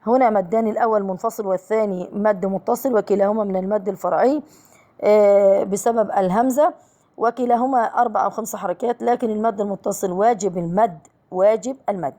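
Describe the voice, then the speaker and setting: A woman teaching a tajweed lesson, reciting verses in a slow drawn-out chant and then explaining the rules briskly, repeating words and syllables to show how they are pronounced. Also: medium pitch, dark tone.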